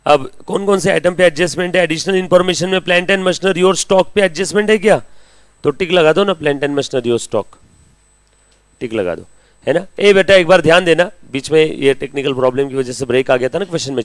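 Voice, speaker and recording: A chatty, teasing male teacher addresses a live class, slipping into speech. His voice sits a little high for a man. The recording is dry and close, little room sound. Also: dry recording. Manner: chatty, teasing, calls students beta and munna. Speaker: accounting teacher.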